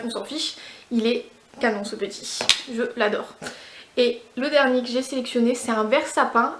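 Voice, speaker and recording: A woman's voice: fairly high pitch, echoey room. A woman from France chatting casually through a beauty product review, with lots of fillers and restarts. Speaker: beauty vlogger.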